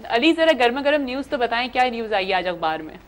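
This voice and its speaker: A woman's voice: on the high side, very animated. Chatty Pakistani woman morning host. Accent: Pakistani Urdu. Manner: chatty, quick acknowledgments. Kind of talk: casual chat with callers and guests.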